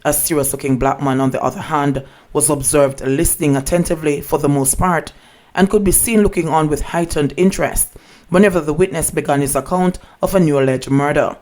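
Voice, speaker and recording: Higher-pitched male news narrator. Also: steady tone, brisk, a little mellow.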